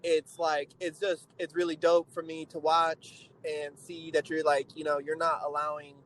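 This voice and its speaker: A man hosting a casual interview, talking in an excited, slang-heavy way full of filler phrases. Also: on the high side, normal speed, a little hiss or hum, rough recording. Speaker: interviewer, host.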